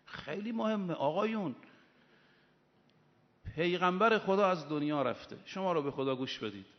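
A man preaching a sermon in an emphatic, animated storytelling manner. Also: high-pitched. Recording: muffled, with long hall reverb.

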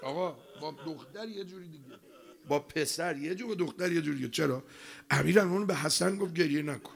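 A man with a fairly high voice preaches a mourning sermon. He is emotional, rising to loud cries and then dropping to a hush. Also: gravelly. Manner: emotional, swings from loud to hushed.

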